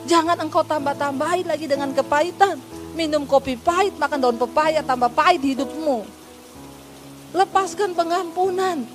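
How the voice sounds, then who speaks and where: A woman pastor preaching a sermon, telling stories in a lively way and acting out both sides of the conversations. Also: high-pitched, moderate pace, over music.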